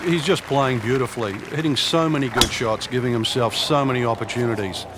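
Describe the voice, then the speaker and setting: A man's voice: medium pitch, fairly quick, very noisy, natural voice. A man playing an admiring golf analyst in a video game, giving color commentary as co-commentator. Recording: very loud crowd ambience behind the voice.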